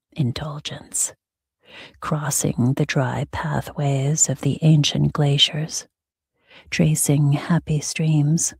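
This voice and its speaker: Very breathy, whispering woman, slow sleep story narrator. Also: low voice, no room sound, clean studio sound. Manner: slow, hushed, soothing delivery with soft pauses. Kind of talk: whispered ASMR reading for sleep.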